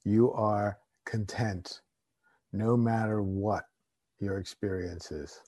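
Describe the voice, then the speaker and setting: Slow, calm man guiding a meditation. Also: lowish voice, dry recording. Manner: slow, calm and soothing, with long pauses. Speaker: meditation teacher. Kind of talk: guided meditation.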